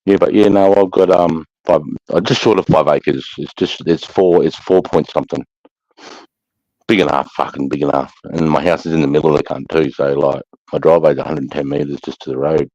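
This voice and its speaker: A man's voice: a bass voice, fairly even intonation, fairly quick, darkish tone, no room sound. A man with an Australasian accent chatting casually in a blokey, slangy way, swearing freely. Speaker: host of a live chat. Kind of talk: casual chat. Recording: dull lo-fi sound.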